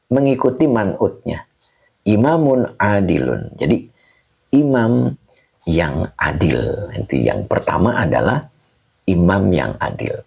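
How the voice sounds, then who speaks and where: A man teaching as a religious teacher, reading a classical text slowly, patiently repeating each term and asking his listeners questions. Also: lowish voice, gravelly, husky, highs cut off. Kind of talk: slow kitab reading and grammar lesson.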